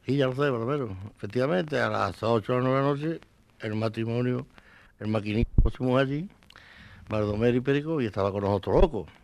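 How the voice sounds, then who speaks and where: An older man, a flamenco singer telling an old anecdote in a lively way, acting out the voices. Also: medium pitch, fairly quick, gravelly.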